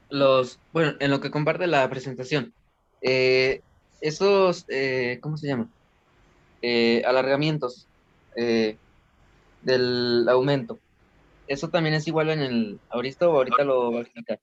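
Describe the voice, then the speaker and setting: A man who is a student, asking hesitant questions in an online class with many pauses and fillers. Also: medium pitch. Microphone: video call. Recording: dull lo-fi video call audio.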